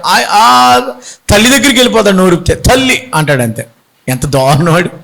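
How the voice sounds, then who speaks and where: A middle-aged man, a bishop giving a Sunday sermon with animated preaching and many rhetorical questions to the congregation. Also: sits high, low-quality recording.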